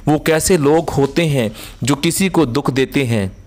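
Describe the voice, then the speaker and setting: A man voicing a cheerful, warmhearted young woman who teases and jokes. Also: fairly high pitch, measured pace, close to an everyday voice. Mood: wistful. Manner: playful joking tone.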